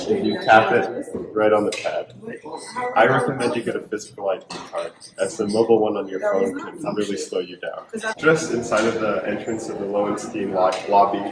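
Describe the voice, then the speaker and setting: A young adult man narrating a guided campus tour as a student guide. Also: on the low side. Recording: clear background noise.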